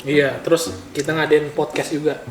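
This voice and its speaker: A man's voice: on the high side, flat delivery, moderate pace. A man, chatting casually as a podcast host while eating, his mouth sometimes full. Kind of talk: casual chat over food. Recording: echoey room with music behind.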